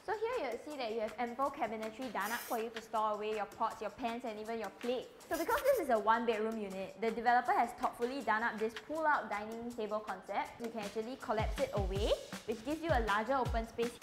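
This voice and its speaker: Property tour presenter: young woman, Singaporean accent, higher voice, brisk scripted delivery over soft background music. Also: expressive. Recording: light music bed behind voice.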